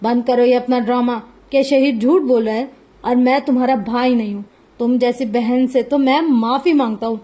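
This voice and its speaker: A woman voicing an enraged young man who shouts threats at his sister. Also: a little high, fairly even intonation, natural voice. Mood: furious. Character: young man, furious brother with a gun.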